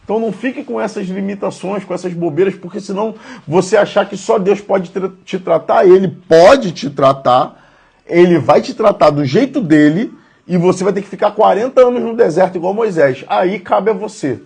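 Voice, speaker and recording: Brazilian pastor, 30s, slightly high and raspy, earnest conversational sermon. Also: male voice, normal speed, a little mellow. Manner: conversational, earnest, addressing listeners directly. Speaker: preacher. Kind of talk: devotional sermon.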